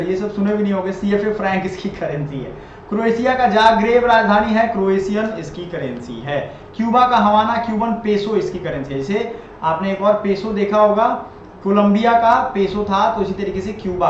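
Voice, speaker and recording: A man with a high voice gives a lecture, repeating each point and quizzing his listeners. The recording sounds very echoey and dull, as if captured on a built-in mic in a bare room, with faint noise underneath. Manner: repeats items and quizzes the viewer. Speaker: exam-prep teacher. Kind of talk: classroom-style lecture over a map.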